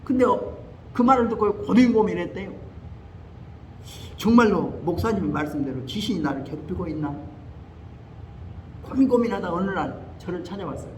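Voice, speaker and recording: A man's voice: high-pitched, expressive, normal speed, long pauses, a little hiss or hum. An older man preaching a sermon as pastor, telling a story animatedly and acting out the voices in it. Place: church sanctuary.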